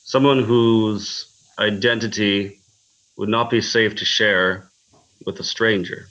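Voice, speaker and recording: Wary male adventurer, played by a man at a game table, lowish voice, formal and deliberate. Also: steady tone, bright, forceful tone, muffled recording. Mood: guarded.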